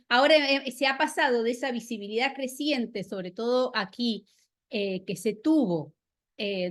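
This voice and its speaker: Brief: middle-aged woman, fairly high voice, reflective academic speaker who hesitates and restarts often. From Argentina. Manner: thoughtful, hesitant, with many fillers and restarts. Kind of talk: workshop talk.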